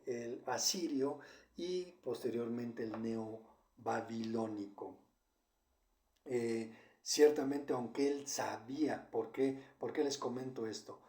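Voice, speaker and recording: Guy preaching a bible lesson real slow, mellow low voice, lots of ums and restarts, echoey room. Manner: halting, full of "eh" and "este" fillers and repeated words. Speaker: Bible teacher. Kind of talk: Bible study sermon. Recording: roomy echo.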